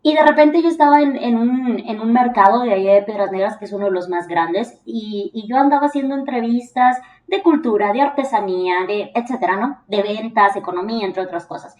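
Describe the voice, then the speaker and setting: Young woman, podcast host, casual storytelling, fairly high voice, roomy echo. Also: fairly quick, few pauses, far from the mic. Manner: lively, acts out the voices of people she quotes. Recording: echoey room, voice off-mic.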